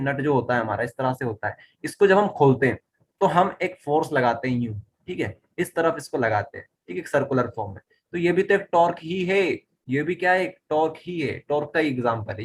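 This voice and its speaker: A man's voice: medium pitch, a little hiss or hum. A man teaching a physics lesson, repeating key phrases and often stopping to check that students understand. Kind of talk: explaining a lesson at a whiteboard.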